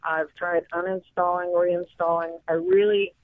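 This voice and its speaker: A woman's voice: lowish voice, little pitch movement, measured pace, dry recording. A woman calling into a radio show over the phone, eager and self-deprecating as she asks for help. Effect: heard over a phone line. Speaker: caller. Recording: tinny, dry phone line.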